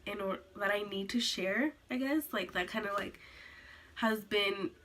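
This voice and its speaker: A teenage girl telling a sit-down story to her camera, rambling with lots of "like"s and restarts, a little hoarse from being sick. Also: medium pitch, measured pace, pushed and bright, slight background noise. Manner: rambling, filler-heavy, many "like"s and restarts. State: recovering from illness, coughing. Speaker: vlogger.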